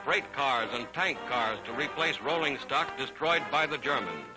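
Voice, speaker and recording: A man's voice: mid-range voice, expressive, moderate pace, poor audio. A man giving grand, declamatory scripted narration for an old wartime newsreel. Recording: narration over loud music.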